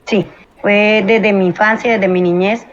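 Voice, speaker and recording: This woman in her forties, from Venezuela, is a guest in a personal interview, and she sounds hesitant and thoughtful, with lots of fillers. Her medium-pitched voice stays steady and unhurried, though the recording has its highs cut off.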